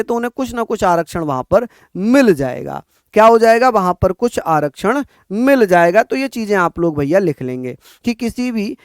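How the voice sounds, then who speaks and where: A man from northern India teaching an exam-prep lecture, repeating points slowly for students to write down. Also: high-pitched, clean tone, dry recording, clean studio sound. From Uttar Pradesh, India. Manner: addresses students as bhaiya, repeats points for dictation.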